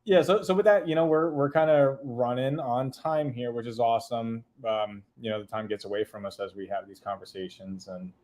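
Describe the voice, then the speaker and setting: A man's voice: mid-range voice, fairly even intonation, normal speed, few pauses, a little mellow. A man hosting a casual podcast, upbeat as he reads out live comments and thanks listeners. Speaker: podcast host.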